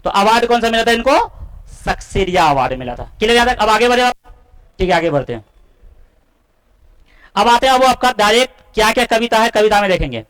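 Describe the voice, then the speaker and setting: A man's voice: high voice, sing-song, a little fast, pauses often, fairly bright tone, clear, resonant tone, poor audio. A man teaches a class. He quizzes his students and answers his own questions. He repeats the key points again and again. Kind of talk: classroom-style lesson explanation.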